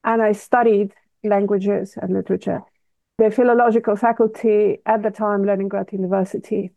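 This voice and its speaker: A woman in her fifties from Russia, speaking English with a Russian accent as an interview guest, measured and deliberate, searching for words. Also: mid-range voice, fairly even intonation, gravelly, mellow, no echo. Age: 50s. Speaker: guest artist. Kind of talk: interview answers. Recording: tinny phone-like line, dry.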